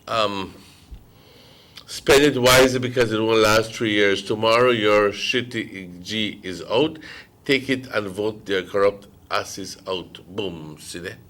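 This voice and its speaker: Speaking slowly in a lowish, fairly bright voice, a Belizean Creole–accented man hosts a fiery political morning talk show. He's indignant and forceful, hammering points home by repeating phrases.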